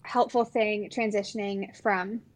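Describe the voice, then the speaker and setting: A podcast guest in her twenties from the Los Angeles area chats casually with a friend, her sentences trailing off into fillers. Her medium-pitched voice keeps a fairly even intonation and an unhurried pace.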